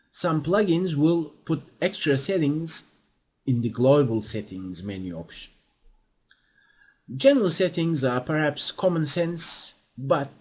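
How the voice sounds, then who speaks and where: A man with a rather high voice narrates a screen-recorded software tutorial as the instructor. He explains things step by step, using fillers and pausing for quick checks that viewers are following along.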